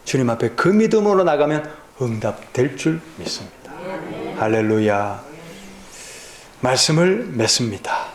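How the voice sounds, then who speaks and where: A man's voice: medium pitch, big pitch swings, a little slow. A male pastor preaching a sermon, retelling a story dramatically and acting out its scenes. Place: church sanctuary. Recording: echoey church hall.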